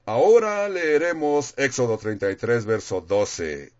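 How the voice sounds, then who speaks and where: A man's voice: mid-range voice, very animated, unhurried, darkish tone, muffled recording. A man preaching a sermon in a plain, conversational way, reading scripture aloud and explaining it.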